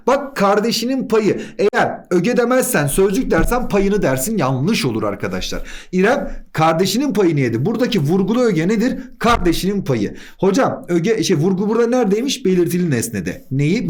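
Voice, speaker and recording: A male teacher with a high, bouncing voice runs a grammar lesson. He asks a question and answers it himself in quick steps, then slips in joking asides between points. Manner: playful asides. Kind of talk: exam-prep grammar lesson.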